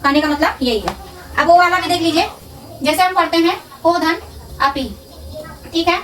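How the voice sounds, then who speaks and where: A woman teaching a grammar lesson, asking questions and answering them herself, repeating terms slowly. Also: extremely high pitch, a bit bright, slight background noise. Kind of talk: classroom-style lesson. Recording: distant from the mic.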